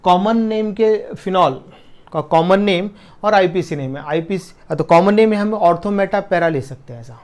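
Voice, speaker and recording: Man, chemistry teacher, slow drawn-out dictation, checks on students. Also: high-pitched, a little mellow. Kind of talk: whiteboard lesson, dictating notes.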